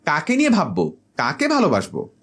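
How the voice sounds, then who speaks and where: A man's voice: a little high, wildly swooping pitch, fairly quick, fairly bright tone, voice pushed up, full character voice. A man voicing a young male jinn who makes TikTok videos, talking in a petulant, bantering way in a storybook comedy.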